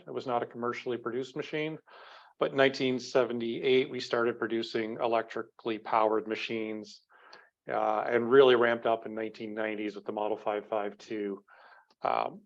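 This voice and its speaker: A man presenting in a webinar, captured as a screen recording of the video call. His voice sits at a middling pitch and sounds muffled and lo-fi, as a computer mic does. He talks haltingly and fills his pauses with "uh" and "um.". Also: creaky. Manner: halting, many "uh" and "um" fillers. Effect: screen-recorded webinar audio over a video call. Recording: dull lo-fi video call audio.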